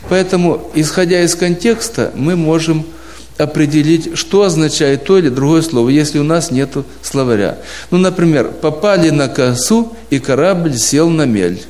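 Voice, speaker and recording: A man's voice: a little high, moderate pace, a little mellow. Patient man teaching church brothers. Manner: patient, explaining with homely examples and rhetorical questions. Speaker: preaching instructor. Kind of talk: informal teaching talk to a group of church brothers. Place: church congregation abroad.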